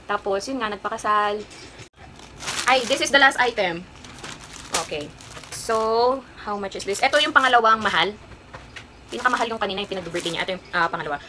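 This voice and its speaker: A woman's voice: mid-range voice, brisk, long pauses, bright, forceful tone, a little hiss or hum, low-quality recording. A young woman in her twenties with a Kapampangan accent, chatting casually in a haul vlog as she tells a personal story, rambling along with lots of fillers. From Philippines. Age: 20s. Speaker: vlogger.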